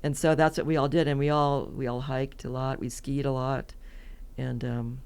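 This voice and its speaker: This podcast guest, a California woman in her seventies, rambles through chatty stories and laughs frequently in a relaxed interview. Her bass voice is smooth and darkish, level in tone, at a normal pace.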